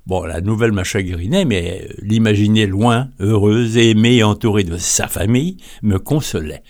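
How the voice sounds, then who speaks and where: A man's voice: lowish voice, moderate pace, a little mellow. Wry French storyteller man. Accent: French from France. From France. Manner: wry, literary, playful. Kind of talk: humorous storytelling monologue.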